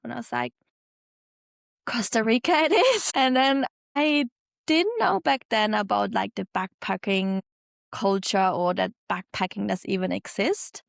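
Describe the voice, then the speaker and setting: Young woman with a German accent, podcast guest, talkative, slight fry in the voice. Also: mid-range voice, dry recording, studio quality. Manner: chatty, lots of fillers, laughs easily. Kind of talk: casual interview storytelling.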